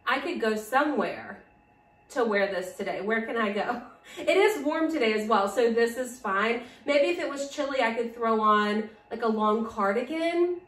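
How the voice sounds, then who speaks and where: A woman's voice: fairly high pitch, animated, moderate pace, a bit bright, roomy sound, recorded from a distance. A woman talking casually and upbeat to camera in a style vlog, filmed on a tripod at home. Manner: chatty and upbeat, with frequent "like" fillers. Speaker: fashion vlogger. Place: room at home, filming on a tripod. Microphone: camera on a tripod some distance away.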